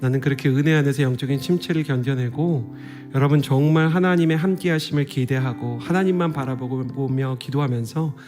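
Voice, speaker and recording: A man in his thirties, a guest pastor giving a revival sermon in a church, earnest and conversational with soft whispered asides. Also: medium pitch, a little fast, faint music behind. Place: church sanctuary.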